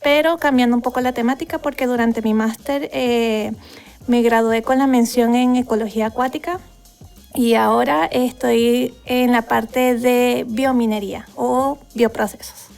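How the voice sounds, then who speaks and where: Casting: young Venezuelan woman researcher, hesitant and filler-heavy, voice a touch high, soft music under the talk. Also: steady tone, a little slow, vocal fry. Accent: Venezuelan Spanish. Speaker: guest researcher. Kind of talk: podcast interview.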